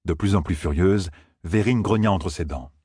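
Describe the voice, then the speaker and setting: A man narrating an audiobook in a measured storytelling manner, close to the mic. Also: low-pitched, a little mellow, husky, no room sound. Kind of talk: scripted narration.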